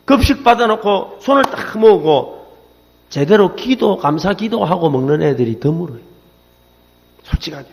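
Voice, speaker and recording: A man's voice: sits high, animated, moderate pace, vocal fry. A man in his forties with a Gyeongsang accent preaching a sermon, telling stories with animation and calling on the congregation to repeat after him. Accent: Gyeongsang Korean. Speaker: pastor. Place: church sanctuary. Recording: long reverb in a church hall.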